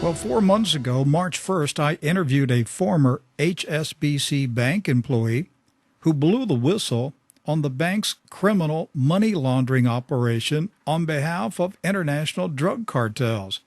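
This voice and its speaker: A man's voice: a little high, animated, unhurried, no room sound. A man hosting a radio talk show, fervent and emphatic, speaking into a studio microphone.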